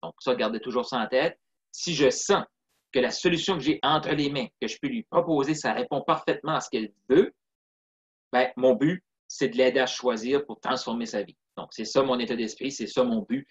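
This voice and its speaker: A man with a Québécois French accent, a sales closer appearing as an interview guest, talks reflectively and earnestly in a casual interview, frequently saying "tu sais" and "puis." His medium-pitched voice keeps a moderate pace, and the recording is slightly dull and lo-fi.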